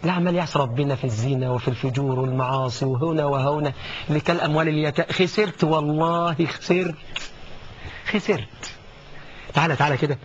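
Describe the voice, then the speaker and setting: A man preaching a colloquial sermon with an Egyptian accent, dramatic, dropping to a hush and then building to loud exclamations. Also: medium pitch, rapid-fire. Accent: Egyptian Arabic. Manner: dramatic, swings from hushed to rising exclamations. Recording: dull lo-fi recording with faint noise.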